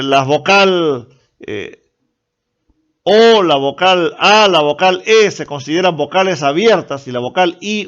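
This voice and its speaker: A man's voice: on the high side, fairly bright tone. A man with a Peruvian Spanish accent teaching a language class, explaining step by step and often checking in with the students. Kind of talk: online class lecture. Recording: dull lo-fi recording.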